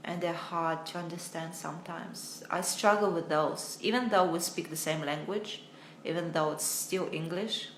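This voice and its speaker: A lowish female voice, young and American, chats hesitantly through a casual English lesson streamed from her phone at home. She often laughs at her own expense. There's a roomy echo and a faint hiss or hum.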